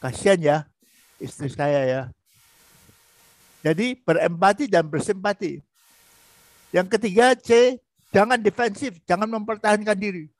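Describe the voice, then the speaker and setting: A man's voice: high voice, measured pace, pauses often, no room sound. A man giving a sermon-style lesson on marriage, now and then acting out quarrelling spouses in raised voices. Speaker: pastor teaching on marriage.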